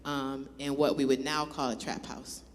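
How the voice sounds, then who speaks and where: A woman's voice: extremely low pitch, flat delivery, moderate pace, a little hiss or hum. A woman from Buffalo, New York, sharing a personal testimony as a guest worship leader, candid and with self-deprecating humor. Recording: reverberant church hall.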